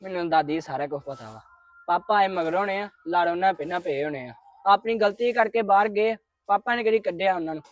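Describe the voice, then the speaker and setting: Brief: a woman voicing a stubborn young grandson, rapid-fire and indignant. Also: on the low side, lightly acted. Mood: resentful. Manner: quick, insistent, arguing. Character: young boy, defiant grandson. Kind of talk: family drama acting.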